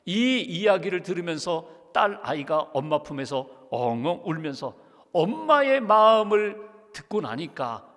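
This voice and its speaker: A man's voice: sits high, fairly bright tone. A male pastor delivering a Christmas sermon, telling a story with emphatic, preacherly delivery in a church sanctuary. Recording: long church reverb.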